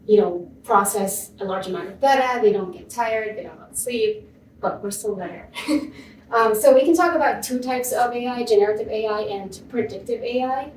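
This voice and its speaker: A young woman from Tunisia explains a topic to a conference audience in a loose, casual way, leaning on fillers. Her voice is mid-pitched and sounds far from the mic in a reverberant room, over faint room noise. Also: darkish tone. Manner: casual, many ums and likes. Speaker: MA student and teaching assistant presenter. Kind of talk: conference presentation.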